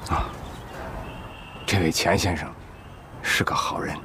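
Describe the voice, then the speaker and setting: A man's voice: low voice, steady tone, slow pace, bright, forceful tone, in a whisper, heavily acted. An older actor playing a stern father who lectures in an indignant tone in a TV drama. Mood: worried. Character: stern old father defending his daughter. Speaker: father of the young woman. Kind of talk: TV drama acting.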